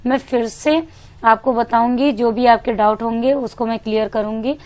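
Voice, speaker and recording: A woman's voice: a little high, fairly even intonation, normal speed, a little mellow. A woman teacher giving an exam-prep lesson, mixing in English words, asking questions and answering them herself, repeating key points. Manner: mixes English words into Hindi.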